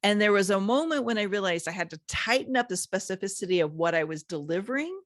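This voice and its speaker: A woman's voice: mid-range voice, animated, fast, no echo, studio quality. A woman business coach talking as an interview guest, conversational and loose, with many "like" fillers. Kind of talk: casual interview chat.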